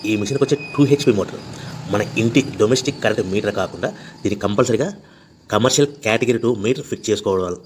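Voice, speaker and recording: A man with a Rayalaseema Telugu accent walks through a machine demo, talking fast and slightly low, with faint workshop noise behind him. He repeats set phrases again and again like a practised seller. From Andhra Pradesh, India. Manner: repetitive, formulaic announcing. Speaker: machine seller demonstrating equipment. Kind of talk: product demonstration.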